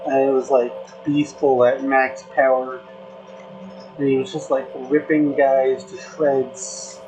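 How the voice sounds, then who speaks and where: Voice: medium pitch, little pitch movement, a little mellow, highs cut off, faint music behind. A content creator chatting casually, rambling with many fillers and restarts. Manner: rambling, filler-heavy, slow. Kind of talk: casual chat.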